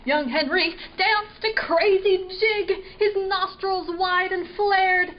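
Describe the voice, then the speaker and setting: A woman librarian reads a picture book aloud for children, expressive and stopping to ask her listeners questions. Her voice is high and her pace unhurried. The recording sounds slightly dull, with a faint hiss underneath. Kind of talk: children's storytime read-aloud.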